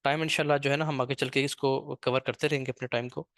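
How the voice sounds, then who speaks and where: A man leads a live online trading class in a mid-pitched voice. He is patient and slow on purpose, and keeps checking in with his listeners. The sound is dry and close. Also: level tone, fairly bright tone, no echo. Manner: patient, repeats "ठीक है" often; speaks slowly on purpose. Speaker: trading teacher.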